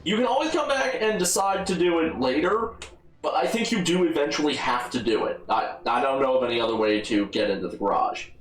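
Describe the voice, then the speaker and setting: A man's voice: a little high, lively intonation, fairly quick, echoey room, poor audio. A man giving casual, rambling gameplay commentary with a wry humor, often correcting himself. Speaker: let's play host.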